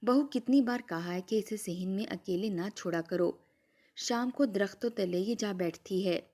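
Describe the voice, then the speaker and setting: A stern old grandmother scolds her daughter-in-law in a reproachful voice in a story, voiced by a woman narrator. The tone is mellow and dark. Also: medium pitch, lightly acted. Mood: scolding.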